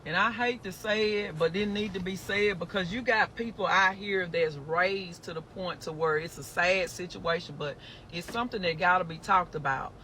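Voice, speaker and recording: A man's voice: high voice, moderate pace, bright, forceful tone, slight background noise. A man in a played clip, delivering a preachy, slangy rant that scolds the listener directly. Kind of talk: preachy street-talk rant.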